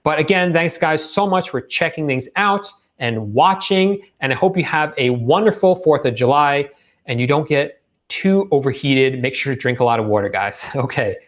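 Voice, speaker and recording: Young male streamer, relaxed Q&A host, voice getting worn. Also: on the high side, normal speed. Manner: reads viewer questions aloud and answers them casually. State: losing his voice in a hot room. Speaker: host of live Q&A on online selling. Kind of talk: casual live-stream Q&A.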